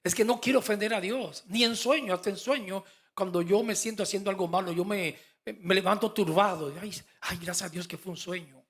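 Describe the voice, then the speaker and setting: A man's voice: high-pitched, steady tone, brisk, hardly any pauses, husky. Fervent male pastor preaching. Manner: fervent, swings from soft to emphatic. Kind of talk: sermon.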